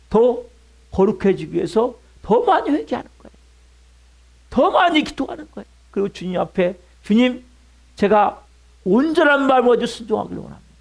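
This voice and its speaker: A middle-aged male pastor preaching a sermon, pressing his point with rhetorical questions and sudden drops to a hush. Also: sits high, vocal fry.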